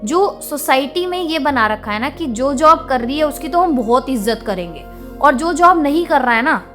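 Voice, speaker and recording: Young woman vlogger, higher voice, outspoken and indignant rant, faint music underneath. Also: animated, normal speed, a bit bright. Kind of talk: venting monologue to camera.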